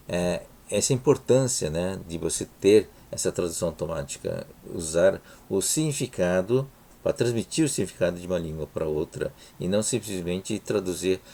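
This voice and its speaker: Brazilian lecturer, deep gravelly voice. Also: male voice, warm tone. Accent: Brazilian Portuguese. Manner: unhurried, frequent "tá?" and "né?" check-ins, many restarts. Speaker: university lecturer. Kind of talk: recorded lecture over slides.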